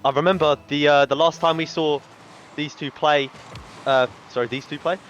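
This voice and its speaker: A man's voice: fairly high pitch, fairly even intonation, moderate pace, a bit bright, soft background music. A man commentating an online esports tournament in a chatty way, with announcer-style hype lines. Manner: chatty, reads out team chats, hype lines.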